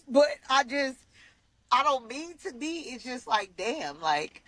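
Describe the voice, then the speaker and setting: A woman's voice: high-pitched, very animated, slow pace, a bit bright, no echo. A woman co-hosting a podcast in casual chat, candid and venting, swearing freely. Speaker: podcast co-host.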